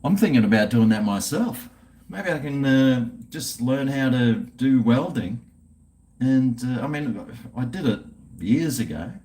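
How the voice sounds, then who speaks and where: A man's voice: medium pitch, lively intonation, measured pace, dark tone. A middle-aged man, rambling casually on a livestream in a blokey, laid-back, sweary way. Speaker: livestream host. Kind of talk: casual rambling livestream chat while drinking beer.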